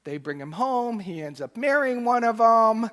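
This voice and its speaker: Man preaching with swinging loudness. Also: extremely high pitch, normal speed. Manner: expressive, swinging between loud emphasis and soft asides. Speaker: minister. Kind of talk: sermon. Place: church during a Sunday service.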